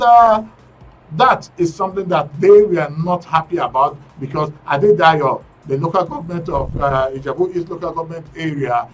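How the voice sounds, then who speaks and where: A man with a Nigerian English accent hosts a radio and TV current affairs show, reading news snippets with frequent fillers and restarts. His voice is a little high and fairly bright, captured on a distant mic.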